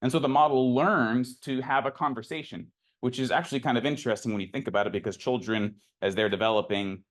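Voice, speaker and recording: A researcher gives an informal academic lecture, explaining things conversationally with rhetorical questions and asides. He speaks fast in a mid-range voice.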